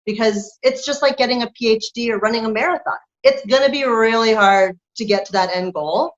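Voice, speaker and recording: A woman's voice: on the high side, fairly quick. A woman lactation consultant talking candidly and with animation in an interview, laughing through her points. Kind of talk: conversational interview. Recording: dull lo-fi sound.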